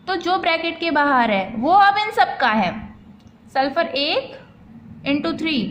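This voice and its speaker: A woman's voice: high-pitched, slight background noise, poor audio. A woman teacher, explaining chemistry step by step and asking and answering her own questions, as if to children. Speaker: science teacher.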